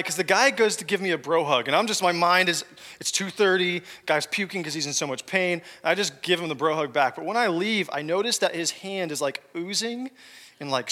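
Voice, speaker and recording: Guy preaching, tells stories w/ jokes to the crowd, bright voice, big echoey church hall. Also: a little high. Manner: conversational, joking asides to the congregation. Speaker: pastor. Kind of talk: sermon with personal storytelling. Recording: long hall reverb.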